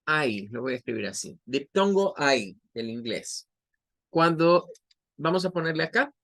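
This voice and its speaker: Slow, patient Spanish-speaking English teacher. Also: male voice, fairly high pitch, animated, a bit bright. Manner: slow, patient explaining with drawn-out example words. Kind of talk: online class lesson.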